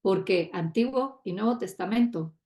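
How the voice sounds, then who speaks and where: Middle-aged woman, guest preacher, earnest and exclamatory, mid pitch, roomy echo. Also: expressive, moderate pace, a little mellow. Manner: earnest, exclamatory, quotes others in asides. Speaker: guest speaker.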